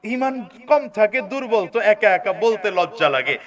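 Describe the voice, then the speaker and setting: A man preaching to a large gathering. He calls on the crowd to answer loudly and swings between shouting and low asides. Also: very animated, normal speed. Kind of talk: sermon.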